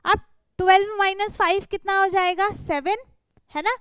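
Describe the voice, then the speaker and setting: A woman's voice: very high-pitched, steady tone, normal speed, a bit bright, no room sound. A young woman, teaching a worksheet to small children and patiently checking that they follow along. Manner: patient, checks in with "theek hai" and "hai na". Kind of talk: explaining a worksheet to young pupils.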